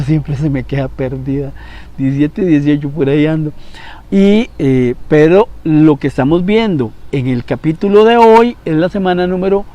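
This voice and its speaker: A man in his fifties teaching a devotional Bible lesson, animated, jumping between loud emphasis and quiet asides. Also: on the high side. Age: 50s. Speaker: preacher.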